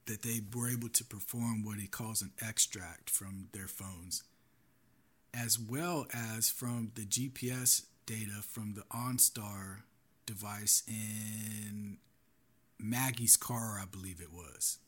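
A man's voice: lowish voice, fairly even intonation, takes it slowly, a bit bright, slightly rough. A man hosting his own podcast, giving earnest solo commentary with a warning tone. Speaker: podcast host.

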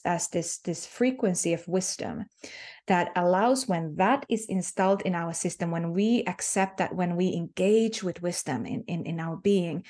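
A Finnish-accented woman with a fairly low, slightly mellow voice is a guest in an interview. She talks earnestly about spiritual ideas, repeating herself and using lots of fillers.

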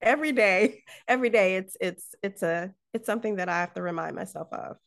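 A woman's voice: mid-range voice, a little fast, creaky. A woman speaking as a guest on a casual podcast, talking emphatically and enthusiastically and leaning hard on her stressed words. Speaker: podcast guest, business owner.

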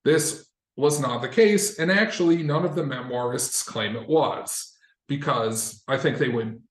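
A man's voice: mid-range voice, a little slow, echoey room. A man from Massachusetts co-hosting a podcast in a casual, discursive explaining style, with wry asides and swearing. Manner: discursive, self-correcting, with wry asides and profanity. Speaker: podcast co-host.

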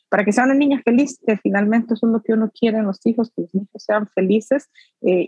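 A woman guest in an interview, a mother speaking earnestly and warmly with frequent filler sounds. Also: mid-range voice, vocal fry, breathy edge, no echo, lo-fi sound. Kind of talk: conversational interview.

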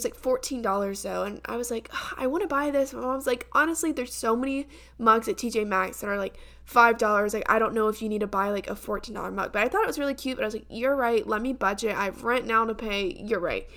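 A woman's voice: a little high, fairly bright tone. A young woman from the southern US co-hosting a podcast, telling stories in casual chat with lots of tangents. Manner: chatty, storytelling with tangents. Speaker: podcast co-host.

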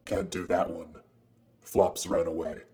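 A man voicing a gruff, blunt male crew member. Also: low-pitched, unhurried. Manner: blunt, flat. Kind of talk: audio drama character acting.

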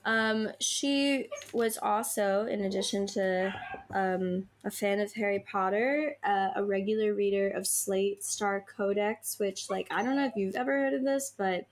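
A woman's voice: medium pitch, unhurried. A woman co-hosting a casual chat, hesitant and full of fillers. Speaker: podcast co-host.

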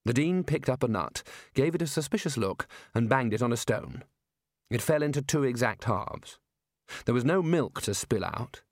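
A man narrating an audiobook in a measured storytelling way. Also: mid-range voice, lively intonation, no room sound, studio quality. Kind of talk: scripted narration.

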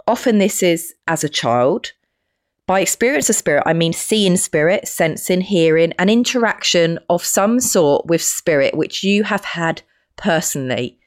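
Female podcast host, London accent, low-pitched, froggy croak from a heavy cold, conversational explainer delivery. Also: animated, a little slow. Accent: London English. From West London, England. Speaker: podcast host and spiritual medium.

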